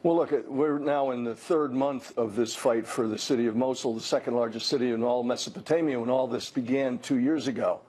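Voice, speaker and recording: A man's voice: medium pitch, brisk, hardly any pauses, darkish tone, slightly rough, poor audio. An older man giving blunt, emphatic commentary as a guest on a news interview, often restarting his words. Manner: blunt, emphatic, self-correcting.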